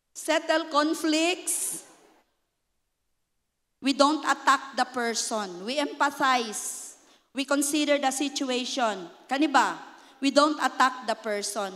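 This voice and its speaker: High-voiced Filipino woman pastor, slow sermon. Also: a bit bright. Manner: mixes English with Filipino, leads the congregation in call-and-response. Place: church sanctuary. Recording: echoey church hall.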